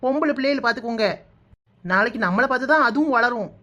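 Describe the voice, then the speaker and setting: A woman's voice: a little high, bright, forceful tone. A woman voicing a bossy, meddling young village woman in a cartoon, urging her friend on in a Kanyakumari accent. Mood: pushy. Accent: Kanyakumari Tamil. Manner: rapid, pushy urging. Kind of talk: cartoon voice acting.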